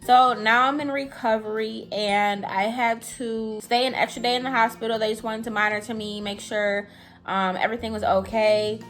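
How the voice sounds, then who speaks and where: A woman's voice: on the high side, steady tone, normal speed, a bit bright, soft background music. A young woman vlogger telling a personal story in a casual, chatty way, full of "like" and "I'm telling you", sounding anxious.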